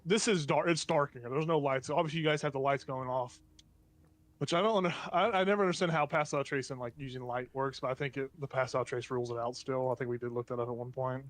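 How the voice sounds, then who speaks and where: A man narrating a tabletop game as game master, improvising descriptions in a halting, casual way with slangy asides. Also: medium pitch, fairly even intonation.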